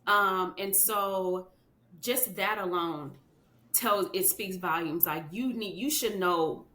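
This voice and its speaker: The children's book author talks slowly now, her voice pushed and bright, as a guest in a casual podcast interview. A native English speaker, she is chatty, with plenty of fillers and "you know what I mean" asides. Echo and a faint rumble color the recording.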